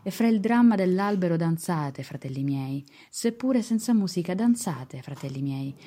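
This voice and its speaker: A woman's voice: lowish voice, animated, moderate pace, mellow. A young woman from Palermo gives a theatrical, swelling poetry reading, rising and falling in intensity. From Palermo, Sicily, Italy. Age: young adult. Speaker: art student reading a poem.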